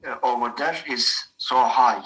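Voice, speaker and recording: A young Turkish mechanical engineer practices English in casual conversation, his strong Turkish accent paired with a very bright, sharp tone in a mid-range, steady voice. He speaks haltingly, filling gaps with frequent "uh" and restarting phrases while searching for words, and the audio is poor.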